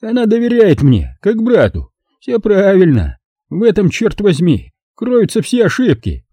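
A man's voice: high-pitched, huge pitch swings, measured pace, mellow, husky, no room sound, voice pushed up, exaggerated voice. A male audiobook reader voicing a drunk, bitter man who slurs and sneers sarcastically. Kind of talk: audiobook character voice.

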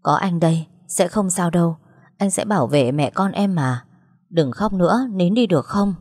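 A woman's voice: lowish voice, lively intonation, normal speed, darkish tone, dry recording, studio quality. A woman voicing a tender young husband who reassures and comforts his wife.

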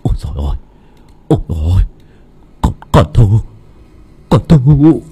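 A man's voice: sits low, big pitch swings, brisk, dark tone, slightly rough, pitched below the performer's own voice, heavily acted. A man voicing an old father overcome by grief and fear, stammering and wailing as he talks. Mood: stammering terror. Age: older.

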